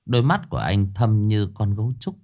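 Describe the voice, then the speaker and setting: A man narrating a ghost story in a dramatic, expressive storytelling manner. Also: fairly low pitch, brisk.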